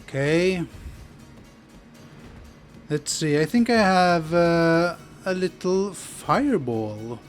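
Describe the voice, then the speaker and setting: Male gaming host, unhurried and hesitant, mid-pitched, casual commentary with game music underneath. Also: expressive. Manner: hesitant, thinking aloud. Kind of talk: casual let's play commentary.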